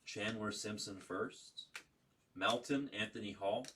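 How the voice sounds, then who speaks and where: Here the same kind of card break host speaks slowly in a lowish, pushed, bright voice. He chats casually while opening trading cards, firing off names and serial numbers in quick bursts, recorded on a distant mic with faint noise behind him.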